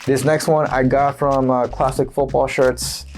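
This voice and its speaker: A man showing off his football jersey collection in a casual, upbeat, chatty way, his voice a bit rough from being sick. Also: mid-range voice, level tone, unhurried, darkish tone, soft background music. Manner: chatty, upbeat, filler-heavy. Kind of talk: casual show-and-tell.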